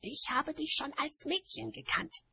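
A woman voicing a quarrelsome old witch in a shrill, squeaky tone, in a storybook reading. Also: big pitch swings, slow, pushed and bright, no echo, exaggerated voice. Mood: sulky. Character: shrill, touchy old witch, a gossipy crone.

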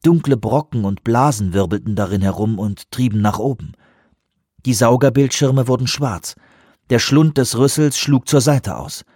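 Husky male audiobook narrator. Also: mid-range voice, dry recording, clean studio sound. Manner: measured, even storytelling. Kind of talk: scripted narration.

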